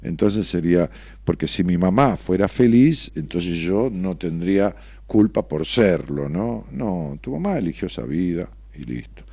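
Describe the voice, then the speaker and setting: A man's voice: low voice, animated, a little slow, vocal fry, warm tone, slightly rough, no room sound. A middle-aged man with a Rioplatense Argentine accent, hosting a radio call-in talk show, reading listener messages and answering them sarcastically and provocatively, swearing freely. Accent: Rioplatense Argentine Spanish. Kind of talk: blunt on-air commentary reading messages.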